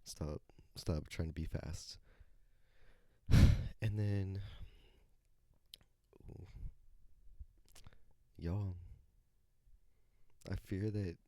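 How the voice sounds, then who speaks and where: A man's voice: low-pitched, vocal fry, dark tone, dry recording. A man hosting his own podcast, rambling casually with lots of fillers, swearing and self-corrections. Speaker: podcast host. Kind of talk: casual solo podcast chat.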